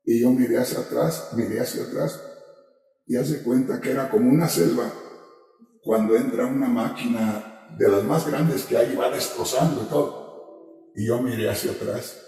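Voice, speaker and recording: A man's voice: medium pitch, moderate pace, gravelly, warm tone. A man, a pastor giving an impassioned personal testimony during a sermon, his voice rising to cries when he quotes his prayers. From Mexico. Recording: echoey hall from far off.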